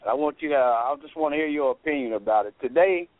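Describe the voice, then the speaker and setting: A man from Texas calling in to a radio show over the phone, talking casually and clearing his throat now and then. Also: on the high side, fast, no room sound. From Texas, USA. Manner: relaxed and conversational, clears his throat often. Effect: calling in over a phone line to a radio show. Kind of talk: casual call-in chat. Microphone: telephone. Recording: tinny, dry phone line.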